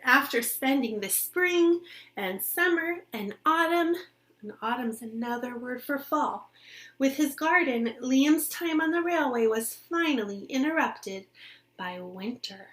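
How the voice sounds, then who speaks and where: Reading a picture book to children at a very unhurried pace, this fairly high-voiced woman comes across as a teacher. Her reading is expressive, her explanations are simple, and she frequently turns to the kids with questions.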